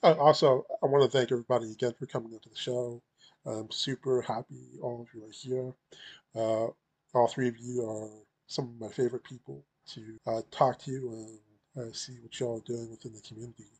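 A man's voice: medium pitch, little pitch movement, fairly quick, darkish tone, breathy edge. A man hosting a podcast, talking in a laid-back casual way with lots of fillers. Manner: laid-back, filler-heavy, laughs often. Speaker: podcast host. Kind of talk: casual chat.

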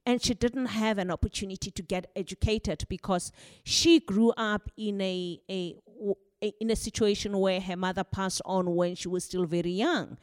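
A woman on a panel, answering interview questions in a measured, reflective storytelling way. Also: medium pitch, fairly even intonation, clean tone, no echo, studio quality. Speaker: panel guest.

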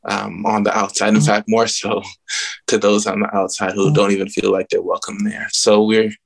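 A man from the Bahamas talks earnestly about music and faith as a guest musician, pausing and restarting as he reaches for the right words. His voice sits low with a gravelly fry, and his delivery stays quite flat. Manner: earnest, reflective, searching for words. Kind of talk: casual spoken remarks at an event.

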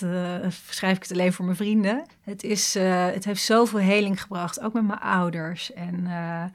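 Earnest reflective woman guest. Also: mid-range voice. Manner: earnest, reflective, hesitant with many fillers. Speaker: coach and trainer, guest. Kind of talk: conversational interview.

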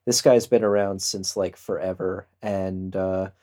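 A man's voice: deep voice, steady tone, unhurried, a little mellow. A man co-hosting a podcast, rambling and joking in a casual chat, laughing often. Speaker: podcast co-host.

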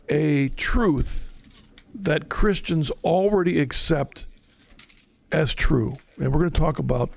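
Male bible teacher, slightly high gravelly voice, dry close sound, explains and reads verses aloud. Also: no echo. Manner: explanatory, reads scripture aloud, stumbles over words at times. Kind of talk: conversational Bible study teaching.

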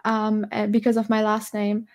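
A woman's voice: mid-range voice, completely flat delivery, normal speed, a little mellow. A woman streamer chatting casually and hesitantly, with many ums. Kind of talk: casual chat.

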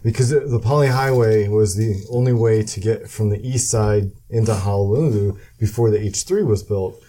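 A man with a very dark, mellow voice speaking in casual conversation. He explains haltingly, trailing off and pausing on fillers as he recalls details. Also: on the low side. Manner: halting, searches for words with many fillers. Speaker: guest. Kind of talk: casual chat.

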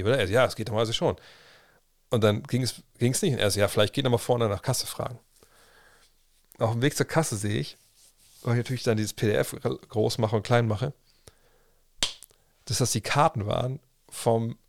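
On a clean, dry studio recording, a man in his thirties with a medium-pitched voice tells a casual livestream story. He's chatty and slangy, with plenty of restarts and quoted self-talk.

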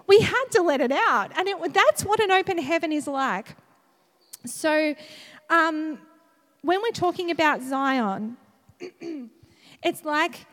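A woman in her thirties preaching in a church hall, her very high voice carrying a long reverb. She tells a personal story in an animated way and laughs often as she goes. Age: 30s.

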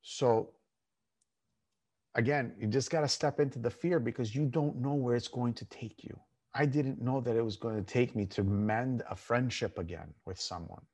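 A man speaking informally and candidly as a coach, giving an emphatic motivational talk with repeated phrases and slowed, stressed words. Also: medium pitch, a little mellow. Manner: informal, candid, mildly crude. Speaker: fitness and mindset coach, show host.

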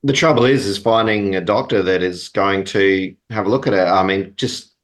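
A man in his thirties or forties giving a casual radio interview as a guest, halting and understated. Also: deep voice.

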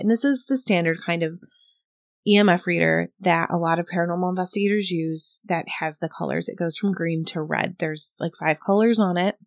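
A woman's voice: fairly low pitch, dry recording, studio quality. A woman hosting a casual talk about a paranormal investigation, thoughtful and explanatory, often hedging. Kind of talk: casual podcast chat reviewing audio.

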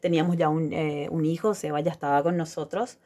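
A woman's voice: sits low, little pitch movement, fairly quick. A middle-aged woman, co-hosting a casual podcast and telling a personal story, often asking "¿verdad?". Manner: warm storytelling, acts out quoted lines, says "¿verdad?" often. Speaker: podcast co-host. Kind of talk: casual chat.

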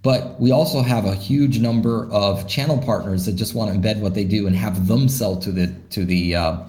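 In an interview, a man who founded a startup works through his ideas at a moderate pace. His slightly low voice has a darkish tone, and his speech is thoughtful and loose, with many fillers like "you know" and restarts. The open-room recording adds a roomy echo.

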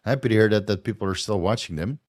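Brief: male host, Dutch accent, lower voice, relaxed livestream Q&A, curses casually. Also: fast. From Netherlands. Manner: loose, swears, laughs often. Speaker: host answering viewer questions.

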